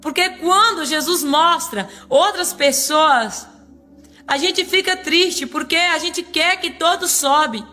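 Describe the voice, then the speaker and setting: High, bright woman giving emotional testimony. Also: takes it slowly, soft background music. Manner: emotional, pleading storytelling. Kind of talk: tearful testimony sermon.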